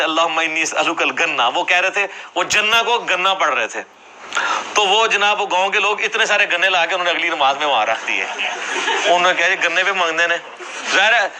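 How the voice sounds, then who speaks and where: With a high, bright and forceful voice, a man from Jhelum, Punjab, Pakistan explains religious points to a class in a conversational way, checking comprehension through tag questions. The recording is rough, carrying a little hiss or hum.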